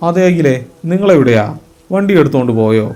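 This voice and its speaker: A puzzled young man on the phone asks where his friends went, his voice pitched a little high and louder than plain talk, voiced by a male storyteller. The tone stays warm and mellow. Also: animated, a little fast, faint music behind, natural voice.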